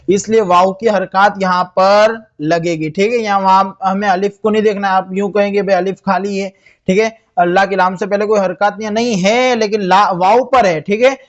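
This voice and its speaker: A young man teaching Quran reading, spelling out letters and vowel marks one at a time, asking questions and answering them himself. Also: high voice. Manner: spells letters slowly, then reads the word drawn out; asks questions and answers them himself, says "theek hai" often. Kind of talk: spelling-out tajweed lesson.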